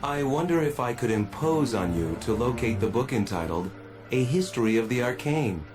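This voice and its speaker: A polite android superhero from a video game , acted by a man. He delivers learned explanations precisely and calmly at middle pitch over clear music. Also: moderate pace, lightly acted. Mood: composed. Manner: formal, precise, composed.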